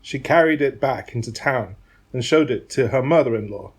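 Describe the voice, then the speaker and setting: A man's voice: medium pitch, animated, normal speed, slightly rough. A man narrating a dramatised Bible reading from a script.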